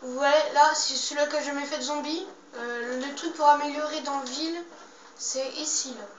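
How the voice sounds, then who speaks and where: A woman's voice: high voice, steady tone, moderate pace. A woman doing casual, slangy game commentary, muttering to herself and swearing mildly as she plays. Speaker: gamer playing a zombie game. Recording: roomy, distant mic, loud background noise.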